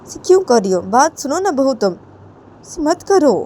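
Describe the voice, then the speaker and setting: A woman's voice: sits high, big pitch swings, moderate pace, dark tone, slight background noise, voice pushed up. A woman voicing a mother-in-law who coaxes and pleads with her daughter-in-law. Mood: pleading. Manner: coaxing, pleading.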